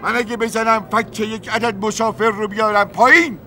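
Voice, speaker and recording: Baffled taxi driver, high sharp voice, quick to take offense, comic sketch. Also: male voice, level tone, soft background music. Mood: riled. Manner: puzzled, keeps asking "huh?". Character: baffled male taxi driver, easily riled. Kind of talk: comic puppet-show acting.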